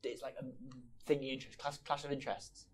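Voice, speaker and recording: A man's voice: medium pitch, fast. A man chatting casually about a film, often trailing off and restarting with fillers. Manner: relaxed, trailing off, filler-heavy, sometimes acting out characters. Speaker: podcast co-host. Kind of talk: casual film review chat.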